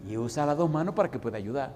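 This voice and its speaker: A man's voice: medium pitch, lively intonation, rapid-fire, darkish tone, slight background noise, lightly acted. A man in his sixties voicing an ugly, hairy, monkey-like little male creature that coaxes him to let go. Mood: coaxing.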